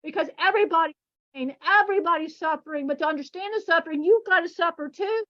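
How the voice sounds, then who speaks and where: A woman giving an impassioned, emotional spiritual teaching over a video call, her audio cutting out and glitching as she gets louder. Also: extremely high pitch, quick pace, dull audio. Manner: emotional, repeats herself. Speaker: spiritual teacher channeling a deity.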